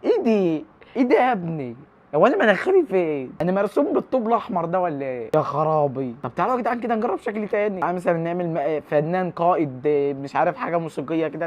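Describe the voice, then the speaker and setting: A young man in his late teens with an Egyptian Arabic accent, hosting a tech vlog full of joking reactions. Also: fairly high pitch. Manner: animated, joking reactions to the screen. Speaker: YouTuber.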